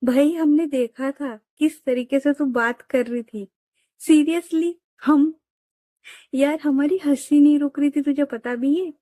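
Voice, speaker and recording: A woman's voice: high voice, fairly even intonation, slow, warm tone, dry recording, voice pushed up. A woman voicing a young woman friend who teases and mocks her friend playfully in a Hindi audio love story. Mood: teasing. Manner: playfully mocking.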